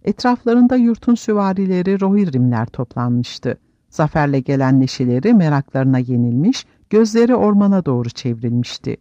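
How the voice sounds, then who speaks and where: A man narrating a fantasy audiobook, his voice fairly high and very lively as he builds the drama. It is a dry, slightly dull recording without any room sound. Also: moderate pace, dry recording. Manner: dramatic storytelling delivery.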